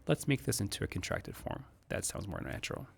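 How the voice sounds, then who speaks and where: Male pronunciation teacher, sick and husky-rough, low gravelly voice, exaggerated read-alouds of model sentences. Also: sing-song. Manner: reads model sentences aloud slowly and with lifted pitch. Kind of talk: online pronunciation lesson.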